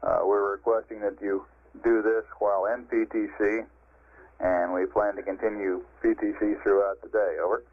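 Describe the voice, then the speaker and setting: An American man working as a mission control communicator, speaking in crisp procedural radio-check style over a band-limited vintage space radio link. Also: fairly low pitch, little pitch movement, normal speed, phone-quality sound, slight background noise.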